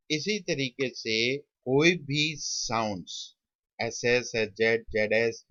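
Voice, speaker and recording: A male shorthand tutor stretches out each sound as he teaches, slipping English terms into his lesson. His voice is bright and forceful. The recording is dry and a little dull. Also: medium pitch, no echo. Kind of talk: classroom lesson.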